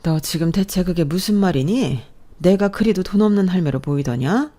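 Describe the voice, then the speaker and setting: A woman's voice: lowish voice, lively intonation, moderate pace, mellow, pitched above the performer's own voice. A woman voicing a stern older mother-in-law in a storybook narration, with a firm, scolding manner.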